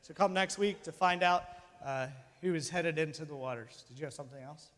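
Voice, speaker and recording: A man's voice: fairly high pitch, a little fast, fairly bright tone. A man in his thirties makes informal church announcements with joking, teasing banter. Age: 30s. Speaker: church speaker hosting announcements. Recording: echoey hall with long reverb.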